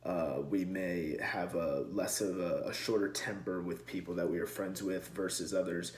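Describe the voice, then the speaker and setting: A young man giving an earnest class presentation, speaking close to a camera in a small room and filling pauses with many ums. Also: low-pitched, steady tone, darkish tone, echoey room. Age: young adult. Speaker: student presenter. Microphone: camera close in front.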